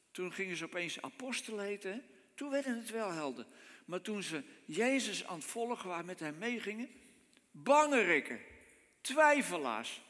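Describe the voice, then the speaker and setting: A man preaching a sermon, telling a Bible story and speaking straight to his listeners with lively asides. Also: high-pitched. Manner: animated storytelling, addresses listeners directly with frequent "hè?". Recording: long hall reverb.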